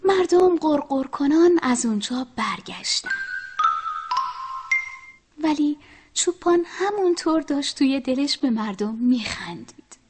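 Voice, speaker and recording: Lively woman telling a children's tale. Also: high voice, music in the background. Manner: lively, often drops to a soft whisper. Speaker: children's storyteller. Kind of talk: storytelling for children.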